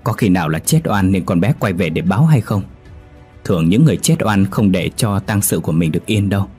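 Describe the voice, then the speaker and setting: A man voicing a superstitious villager at a funeral, talking in a hushed, ominous way. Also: deep voice, expressive, brisk, husky, soft background music, full character voice.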